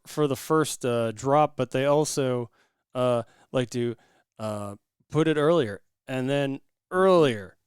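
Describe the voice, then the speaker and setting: A man's voice: a little high, darkish tone, clear, resonant tone, dry recording, clean studio sound. A man hosting a casual podcast, laughing often and talking loosely with restarts. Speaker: podcast host.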